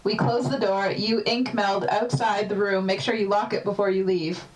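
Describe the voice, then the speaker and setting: Lively woman player giving plans. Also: medium pitch, normal speed. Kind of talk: casual game talk. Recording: distant mic.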